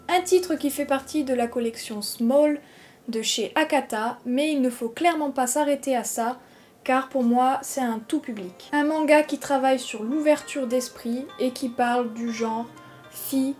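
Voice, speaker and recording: A woman with a high, light voice talks through her favourite manga in a relaxed, chatty video review. She sounds enthusiastic and drops in little confiding asides. Faint music plays quietly beneath her.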